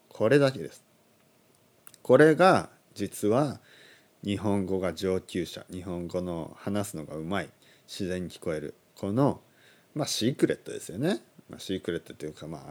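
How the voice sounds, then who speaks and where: A man in his thirties teaching on a casual podcast, animated, chuckling, and correcting his own phrasing aloud. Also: fairly low pitch. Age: 30s. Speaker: Japanese language teacher, podcast host.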